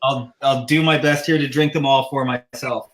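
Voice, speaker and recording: A man's voice: mid-range voice, fairly even intonation, moderate pace, a crowd in the background. A Canadian man with a slight lisp, hosting a casual livestream chat and rambling with frequent chuckles. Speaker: host.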